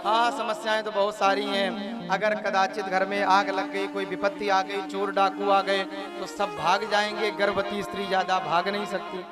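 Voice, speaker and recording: Male preacher playing a high, shrill, scolding village wife; quarrelsome storybook figure, music behind. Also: level tone, normal speed, natural voice. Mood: complaining.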